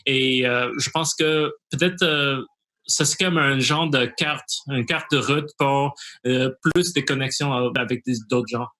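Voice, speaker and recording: Bright-voiced man with English-accented French. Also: medium pitch, steady tone, a little slow, rough recording. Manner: hesitant, searching for words, non-native grammar. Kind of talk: unscripted video talk.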